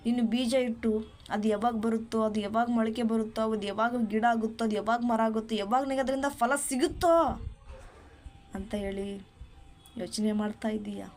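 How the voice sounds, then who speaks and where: A woman preaching a sermon, talking straight to the listener and often dropping a soft hallelujah. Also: fairly high pitch, fairly even intonation, normal speed, faint music behind. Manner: exhorting, often saying hallelujah softly; speaks straight to the listener as you.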